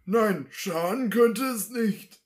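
A podcast host voicing a placid husband in a comedy sketch who only wants to sit, answering in short, slow, stubbornly calm lines. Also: mid-range voice, voice pushed up, lightly acted.

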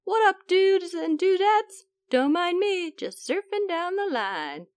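A woman voicing a carefree surfer dude germ in a children's storybook, drawling and relaxed. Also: very high voice, takes it slowly, dry recording, clean studio sound, pitched above the performer's own voice, heavily acted.

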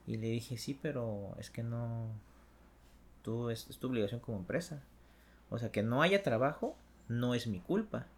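A man's voice: medium pitch, moderate pace, slight background noise. A young man with a Mexican accent telling a work story in casual chat, full of slang and acted-out voices. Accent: Mexican Spanish. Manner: slangy, animated, acts out voices in anecdotes.

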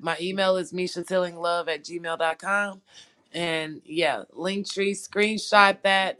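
A woman's voice: on the low side, fairly bright tone. A woman guest on a podcast, chatting casually as she shares where to find her and jokes along the way.

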